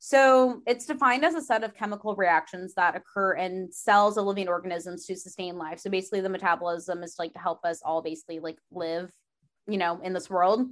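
A young woman co-hosting a podcast, slightly hoarse from a sore throat, explaining things in a chatty way full of "like" fillers. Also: on the low side, brisk. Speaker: podcast co-host. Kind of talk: casual chat.

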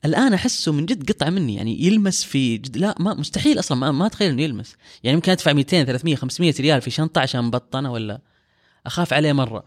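A man's voice: fairly high pitch, expressive, rapid-fire. A man with a Saudi accent, an oud player, talking reflectively in a casual discussion. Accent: Saudi Arabic.

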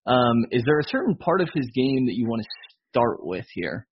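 A man hosting a basketball podcast in a relaxed, casual way. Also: medium pitch, normal speed, slightly rough, dull audio. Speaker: podcast host.

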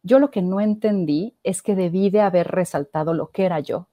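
Lively Mexican woman, mellow voice. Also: lowish voice, moderate pace, no echo, studio quality. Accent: Mexican Spanish. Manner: expressive storyteller, acts out quoted voices. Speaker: guest. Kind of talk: casual conversational interview.

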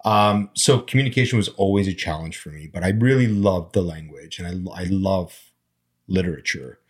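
A man in his forties, from an immigrant background, grew up speaking Armenian and Arabic. As a panel guest in a casual conversation, he reflects on his past in a storytelling way with frequent fillers. His voice is deep and slightly rough, at a moderate pace.

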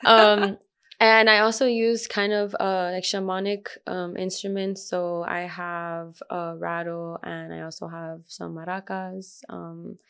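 Gravelly low-voiced woman, chatty storyteller. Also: flat delivery, slow, a bit bright. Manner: chatty, many fillers and quoted asides. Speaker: sound healer guest. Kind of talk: casual interview storytelling.

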